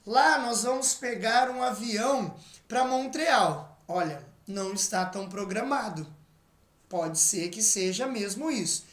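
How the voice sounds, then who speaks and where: Brazilian teacher in an echoey room. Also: male voice, high-pitched, animated, fairly bright tone. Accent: Brazilian Portuguese. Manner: explains patiently and reads English examples slowly. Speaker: English teacher. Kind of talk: online language lesson.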